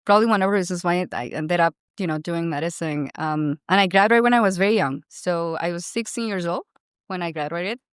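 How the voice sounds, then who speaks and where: A woman in her thirties with a Colombian accent, a doctor and founder, chats casually as a podcast guest, peppering her speech with "you know" and "like." Her fairly low voice is clear and resonant, fairly quick, in clean studio sound with no room sound.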